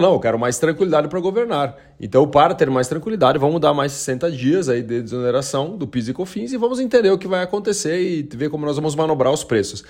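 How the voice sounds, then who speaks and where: A man's voice: fairly high pitch, a little mellow. A man from Brazil hosting a daily market analysis show, talking in a conversational way with frequent tag questions and colloquial sayings. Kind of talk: casual market news commentary.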